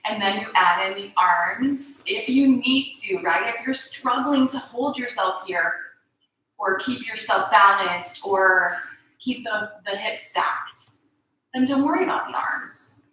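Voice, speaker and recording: A woman teaching a yoga flow in a bright, clear voice. She calls out poses calmly and encouragingly, often checking in with the class. The sound rings through a very echoey room. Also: mid-range voice, measured pace. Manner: calm, encouraging cues with frequent "right?" check-ins. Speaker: yoga instructor. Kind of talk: guided yoga class instruction.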